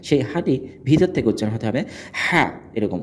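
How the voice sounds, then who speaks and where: Male teacher, mellow tone, patient and instructive, sounds out letters to demonstrate. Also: mid-range voice, expressive, quick pace. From Bangladesh. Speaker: Quran recitation teacher. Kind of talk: explaining letter pronunciation.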